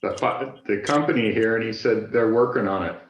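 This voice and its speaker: Low-voiced man on a video call. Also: fairly quick. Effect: heard over a video call. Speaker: club member at a meeting. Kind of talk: casual chat. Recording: dull echoey video call audio with faint noise.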